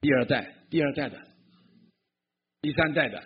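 A man from Fujian, China, serving as pastor, addressing a church congregation in a lively way and drawing the crowd in with questions. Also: a little high, moderate pace, slightly rough, lo-fi sound.

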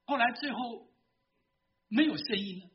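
A man's voice: extremely high pitch, unhurried, dull audio, voice pushed up. A man voicing a remorseful old male professor in a confession, told within a sermon. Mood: anguished.

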